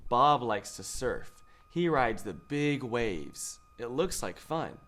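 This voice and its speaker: The host, a young man, reads a children's picture book aloud from an indoor studio. He takes his time, his pitch animated, raising the quoted lines within a measured and expressive telling.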